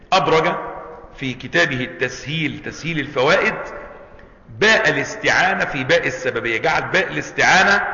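A man with an Egyptian accent gives a classroom lecture, often asking questions and answering them himself. His voice is fairly high and bright. It is recorded in an echoey hall with long reverb and a slightly dull sound. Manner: slows down to recite quoted verses. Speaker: teacher of Islamic legal theory.

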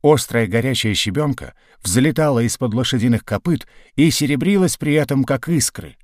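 A man reading a novel aloud as narrator, in a measured storytelling way. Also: mid-range voice, no echo, studio quality. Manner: measured storytelling read, lively in action. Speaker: audiobook narrator. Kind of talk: scripted narration.

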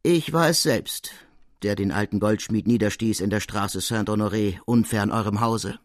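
A man's voice: lowish voice, no room sound, studio quality, natural voice. A man reading a proud soldierly count. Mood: courtly. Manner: measured, courtly and emphatic. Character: proud soldierly male count, guards colonel.

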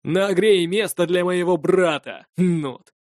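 Guy reading as a cocky sneering viking fighter, pitched up, dry close sound. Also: lively intonation, moderate pace, darkish tone, no room sound. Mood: scornful defiant. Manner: sneering, scornful. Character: defiant insolent young male viking warrior.

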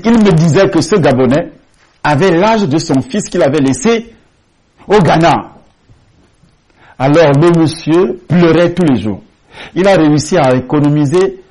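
A male pastor with a husky, slightly breathy voice pitched high for a man. He preaches in an emphatic storytelling way, driving points home by repeating key phrases, in what sounds like a large church hall. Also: a little mellow. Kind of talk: sermon with testimony.

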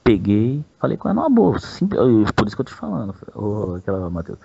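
A man's voice: on the low side, huge pitch swings, fast talker, gravelly, mellow, highs cut off, slight background noise. A Brazilian man telling a personal story in a rambling, crude way, with a lot of slang. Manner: rambling and crude, peppers speech with "velho". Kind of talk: casual storytelling.

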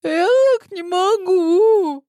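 A sobbing, desperate young mistress, put on by a woman reading aloud, her voice pitched very high and thin with tears. She wails and pleads in an audiobook scene. The sound is dry and close. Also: slow, darkish tone, no room sound. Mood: wailing. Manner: high-pitched wailing, tearful. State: crying. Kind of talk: audiobook character voice.

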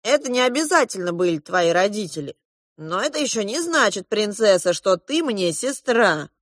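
A woman reading aloud, voicing a calm, sly young boy prince in a measured, matter-of-fact way. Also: medium pitch, dry recording, studio quality, pitched above the performer's own voice.

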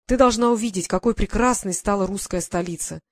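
A woman reading an audiobook, voicing a calm young male guard sergeant reassuring his mother in a steady way. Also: medium pitch, brisk, natural voice.

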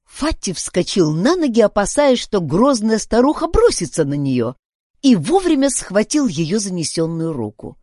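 A woman narrating a children's detective story in an expressive reading voice. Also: mid-range voice, moderate pace, no room sound, clean studio sound. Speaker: audiobook narrator.

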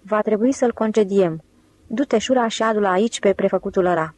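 A woman voicing a commanding, ironic male con-man leader who gives brisk orders in an audiobook. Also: mid-range voice, a little mellow, no echo, close to an everyday voice, poor audio. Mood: curt. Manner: bossy, brisk.

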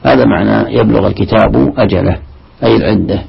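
A man teaching a classical Arabic lesson on Quran commentary, halting and repeating himself as he explains. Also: on the low side, gravelly, slightly rough, lo-fi sound.

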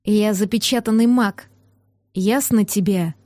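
A woman voicing a gruff, brooding man who speaks slowly and growls his clipped lines in anger. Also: medium pitch, a little mellow, no room sound, clean studio sound, lightly acted. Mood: grim.

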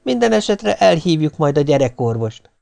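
A man reading an audiobook, voicing an excitable mother who is quick to snap. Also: a little high, vocal fry, pitched above the performer's own voice, exaggerated voice. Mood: indignant.

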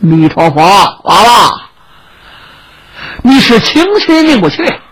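A woman's voice: fairly high pitch, sing-song, takes it slowly, husky, exaggerated voice, rough recording. A woman voicing a menacing male monk who threatens a child, sneering and mock-pious.

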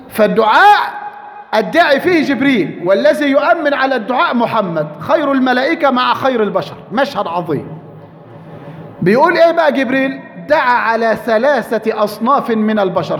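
An Egyptian man delivers a sermon in a strikingly high voice. He is emphatic, repeats his key phrases and drags them out for weight. His words ring out with a long reverb tail. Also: lively intonation, fairly quick, a bit bright, a little hiss or hum. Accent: Egyptian Arabic. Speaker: preacher.

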